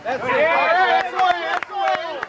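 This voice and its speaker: A man shouting encouragement to his softball teammates outdoors, heard on an old VHS camcorder tape. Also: extremely high pitch, unhurried. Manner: hollering short cheers. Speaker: softball teammate cheering from the bench. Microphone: camcorder mic. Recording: hissy camcorder tape, noisy crowd. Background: crowd chatter and outdoor noise.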